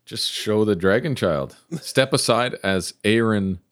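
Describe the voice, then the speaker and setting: A man's voice: lowish voice, a little slow, a bit bright. A young man playing a tabletop game with friends, bantering and teasing playfully. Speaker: player. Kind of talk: casual play chat.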